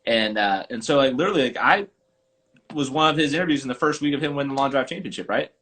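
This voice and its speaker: A man, a golf coach and podcast host, telling stories in an animated casual chat over a live video call. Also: mid-range voice, quick pace. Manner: animated, chatty storyteller.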